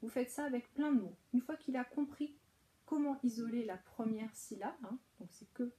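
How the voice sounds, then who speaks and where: A woman's voice: on the high side, normal speed, dark tone, rough recording. A woman with a French accent who teaches preschool, patiently explaining an exercise to parents step by step, with many hesitations. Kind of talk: instructional talk to parents.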